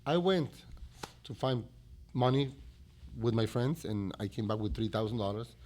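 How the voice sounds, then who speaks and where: Mexican-accented man telling lively stories. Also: medium pitch. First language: Spanish. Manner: animated storyteller acting out quotes, halting restarts. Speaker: restaurant owner, guest. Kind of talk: storytelling interview.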